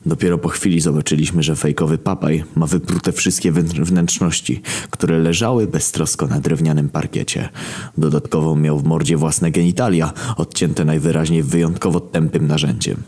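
Deep-voiced man reading a crude story. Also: fairly even intonation, moderate pace, warm tone, breathy edge. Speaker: narrator.

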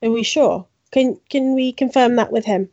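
A woman's voice: a little high, moderate pace, warm tone, no room sound. A woman player in a tabletop game, speaking in a playful way. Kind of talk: tabletop role-play chat. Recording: dull, dry lo-fi mic.

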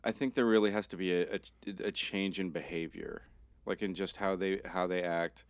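Low rough-voiced guy, jokey podcast cohost, dry close mic. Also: fairly even intonation, normal speed, dry recording. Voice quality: rough, tired-sounding. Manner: joking, laid-back. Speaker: podcast co-host. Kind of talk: casual chat.

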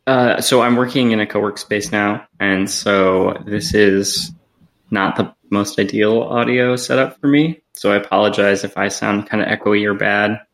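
Gravelly man in an echoey room. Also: fairly low pitch, steady tone, moderate pace, a bit bright. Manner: loose and rambling, many "like" and "um" fillers. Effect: echoey room sound. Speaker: podcast co-host. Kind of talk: casual tech podcast chat. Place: small attic meeting room in a co-working space. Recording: echoey room, remote podcast call.

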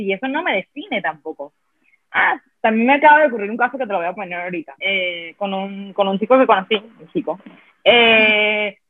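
A woman's voice: a little high, slightly rough, dry recording. Frank woman, phone-like podcast sound. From Venezuela. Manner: frank, rambling, full of fillers. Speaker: podcast host. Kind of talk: casual podcast chat.

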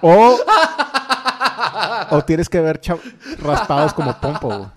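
A man's voice: on the high side, expressive, normal speed, slight background noise. A young man with a Mexican accent, joking in slangy casual chat as a podcast co-host.

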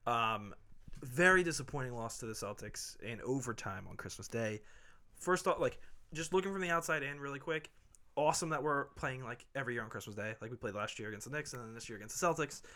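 A man's voice: medium pitch, fast, bright, forceful tone. An American man hosting a casual sports discussion among friends, giving his opinions in informal language. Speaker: sports podcast host.

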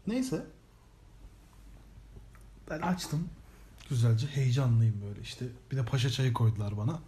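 A young man co-hosting a podcast, telling childhood stories in a casual, animated way and swearing freely. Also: medium pitch, measured pace, background noise. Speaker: podcast co-host. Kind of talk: casual comedic chat.

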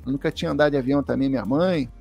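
Gravelly Brazilian man telling a story. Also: mid-range voice, racing, faint music behind. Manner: lively storyteller, acts out quoted dialogue. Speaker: interview guest. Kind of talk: storytelling anecdote.

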